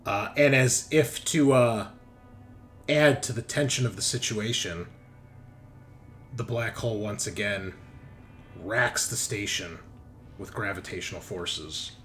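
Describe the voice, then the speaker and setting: A man with a lowish, slightly bright voice takes it slowly and leaves long pauses while running a tabletop roleplaying game as game master. Background music accompanies his casual, profanity-laced, joking narration.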